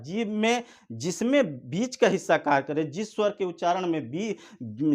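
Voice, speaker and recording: A man teaching an exam-prep lesson, explaining slowly and repeating points, drawing out vowel sounds to demonstrate them. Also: on the high side, a little mellow. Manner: slow, repetitive explaining, drawn-out vowel demonstrations.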